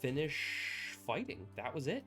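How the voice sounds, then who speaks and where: A man's voice: medium pitch, huge pitch swings, unhurried, bright, forceful tone, faint music behind. Sweary man casually commentating on gameplay. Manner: sweary, muttering to himself. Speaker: gamer commentating on his play.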